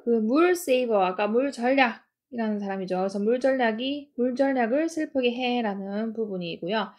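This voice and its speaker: A woman teaching English grammar, explaining each sentence step by step and reading the English lines slowly. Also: a little high, a little mellow. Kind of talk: grammar lesson.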